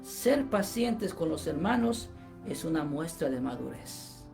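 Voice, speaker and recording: A woman's voice: deep voice, lively intonation, takes it slowly, creaky, over music. A woman giving a Bible-teaching sermon, preaching emphatically and peppering her points with "amen" and "brothers".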